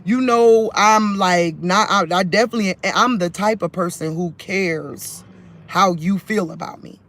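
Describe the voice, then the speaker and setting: Recorded on a phone mic, a man with a fairly high, somewhat bright voice delivers a religious vlog straight to camera at a measured pace. His talk wanders conversationally, with lots of broken-off and restarted sentences.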